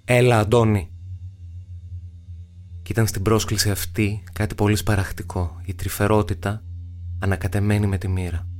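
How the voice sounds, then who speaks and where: A male actor narrating a novel as an audiobook, measured, with dramatic pauses. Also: fairly low pitch, little pitch movement.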